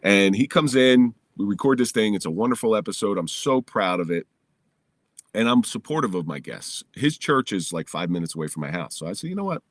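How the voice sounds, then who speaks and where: A middle-aged man from New Jersey, a podcast guest telling a personal story in a candid, lively way, recorded in his home basement. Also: fairly low pitch, fairly quick, no room sound.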